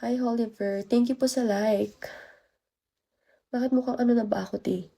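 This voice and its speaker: This late-teens livestreamer, a 19-year-old Filipina student from Baguio, has a cold and feels worn out and sore as she welcomes and thanks her viewers individually. She speaks at an ordinary speed in a somewhat high, gravelly, warm voice with fairly even intonation.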